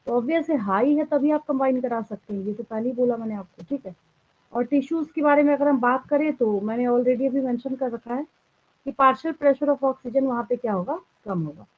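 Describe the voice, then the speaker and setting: Indian lady biology teacher, kinda high voice, sounds like an old phone line, keeps quizzing the class. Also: moderate pace. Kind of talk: classroom lecture.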